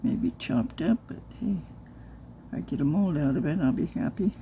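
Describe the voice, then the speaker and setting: A soft-spoken woman narrating a casual crafting vlog, keeping her voice low and muttering to herself as she works with her hands. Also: normal speed, narrow, tinny audio, slight background noise. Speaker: crafter making silicone molds.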